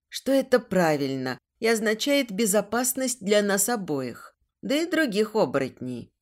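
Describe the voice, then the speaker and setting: Expressive woman narrating an audiobook. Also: mid-range voice. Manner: expressive, tense storytelling. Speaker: audiobook reader. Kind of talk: first-person audiobook narration.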